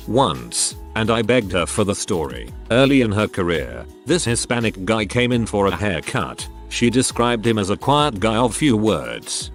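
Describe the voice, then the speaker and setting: A man narrating online stories aloud in a steady read-aloud storytelling manner. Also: fairly low pitch.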